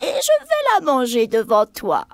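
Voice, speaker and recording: A man voicing a cruel old witch disguised as a peddler woman in a storybook reading, with a creaky crone voice. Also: very high voice, wildly swooping pitch, unhurried, no echo, clean studio sound, pitched above the performer's own voice, full character voice. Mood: coaxing.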